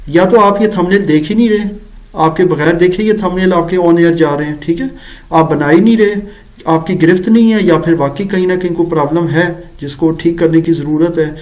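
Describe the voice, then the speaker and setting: A man with a Pakistani accent talks in a voice pitched fairly high for a man. He hosts a critical review vlog as a teacher, stretching English words out slowly and adding dry sarcastic asides. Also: darkish tone, rough recording. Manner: slow, deliberate English words and spelling out mistakes. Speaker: education channel host and teacher.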